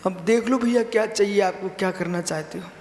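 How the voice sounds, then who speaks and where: A man's voice: sits high, fairly quick, a little mellow. A man, a Jain monk, giving a sermon, repeating phrases for emphasis and acting out short dialogues. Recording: roomy hall reverb.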